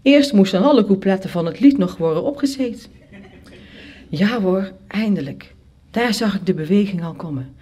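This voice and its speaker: A storyteller narrating a first-person story in a lively, expressive way. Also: medium pitch, husky. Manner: lively, expressive, acts out characters.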